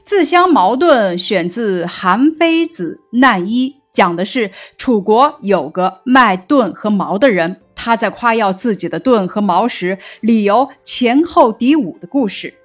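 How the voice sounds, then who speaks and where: A woman explaining a textbook lesson in a slow, measured teaching tone, lifting her voice on quoted classical lines. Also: mid-range voice, animated, faint music behind.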